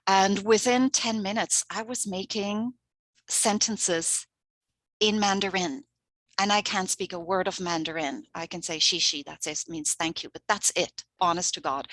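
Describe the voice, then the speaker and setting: A middle-aged Swiss woman, a native Swiss German speaker working as a language coordinator, presents a language-teaching workshop earnestly and chattily, laughing often. Her mid-range voice is a bit bright, and the recording is dry.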